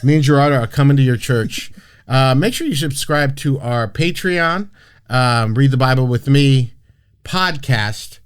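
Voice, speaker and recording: A man's voice: medium pitch, a little slow, clear, resonant tone. Brash, swearing podcast host man. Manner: brash, profane, rambling with frequent restarts. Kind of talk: casual podcast chat.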